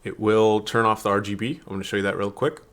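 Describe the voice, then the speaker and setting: A man's voice: fairly low pitch, steady tone, quick pace. A man giving a casual, candid review of a product, talking in a chatty way with blunt opinions, into a desktop USB condenser microphone.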